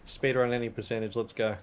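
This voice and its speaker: A young man with a light Australian accent, chatting casually and joking as he streams a game. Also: mid-range voice. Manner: chatty, joking, laughs often, slang-heavy. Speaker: gaming streamer. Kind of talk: casual live-stream commentary.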